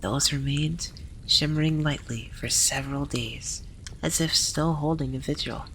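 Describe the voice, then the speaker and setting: A storyteller narrating a scripted tale in a gentle, hushed ASMR library whisper, often slipping into breathy whispering. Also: mid-range voice, a little slow, slight background noise, poor audio.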